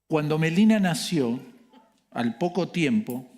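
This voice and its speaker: A man's voice: fairly high pitch, expressive, slow, a little mellow. A male pastor with an Argentine accent preaching a sermon in a conversational way, asking rhetorical questions and adding joking asides. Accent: Argentine Spanish.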